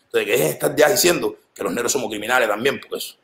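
A man with a Cuban accent talks quickly and with strong emphasis in a loose, casual conversation. His voice rises and falls sharply as he presses his points, and an echoey room surrounds him. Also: creaky. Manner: animated and emphatic, with big swings in pitch.

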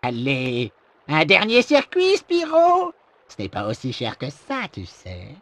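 A big greedy bear salesman from a cartoon game. He is smug and genial, talking slowly and lower-pitched, with music behind him. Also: huge pitch swings, heavily acted. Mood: smug, instructive. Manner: unhurried salesman-like patter. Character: big sly money-grubbing bear merchant, smugly genial. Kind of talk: cartoonish video game acting.

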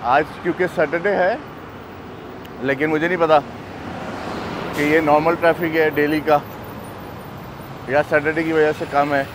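Middle-aged male vlogger, unhurried and chatty, lapel mic on a noisy city street with traffic clearly heard. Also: fairly high pitch. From Pakistan. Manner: unhurried, chatty, many fillers. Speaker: travel vlogger. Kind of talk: casual walking vlog narration. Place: busy city street outdoors. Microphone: clip-on lapel mic. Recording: outdoor street noise.

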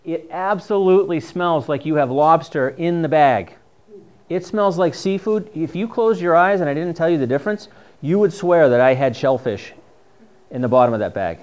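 Recorded by a camera at a distance, a mushroom foraging teacher speaks in a fairly high, animated voice at a moderate pace. The middle-aged man has a New England accent and keeps his slide presentation casual and enthusiastic in a dim classroom with a projector screen.

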